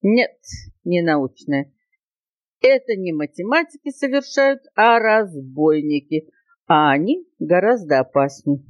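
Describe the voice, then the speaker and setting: A strict, know-it-all parrot from a children's tale, as a woman puts him on, lecturing with indignant emphasis. He stretches his words slowly and swings his pitch widely. The voice sounds close and dry. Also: animated, no echo, highs cut off.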